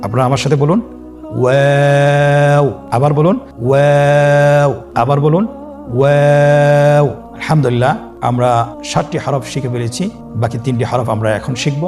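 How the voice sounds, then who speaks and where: With faint music behind him, a man speaks in a steady, darkish, medium-pitched voice. His scripted lesson teaches Arabic letters for Quran reading one step at a time, singing and lengthening every letter name for the audience to repeat.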